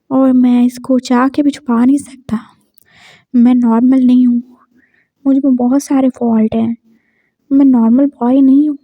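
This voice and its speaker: A woman voicing a timid, tearful young man who pleads softly and anxiously. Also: sits high, dry recording. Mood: earnest.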